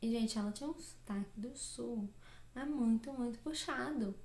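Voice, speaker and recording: Young female vlogger with a Minas Gerais accent, talkative and rambling, a bit high-voiced, in an echoey room. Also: normal speed, warm tone. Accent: Minas Gerais Brazilian Portuguese. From Minas Gerais, Brazil. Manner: chatty, rambling, many fillers and self-corrections. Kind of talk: casual chat to camera.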